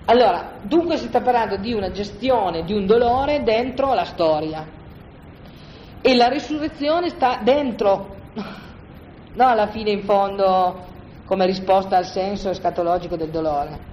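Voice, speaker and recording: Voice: medium pitch, unhurried, a little hiss or hum. A Bible study teacher giving an informal, colloquial lecture on scripture to a group, often checking in with "no?". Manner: conversational, keeps asking "no?" to check in with listeners; colloquial, animated explaining with restarts. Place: room with a group of listeners. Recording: roomy, dull lo-fi recording with faint ambience.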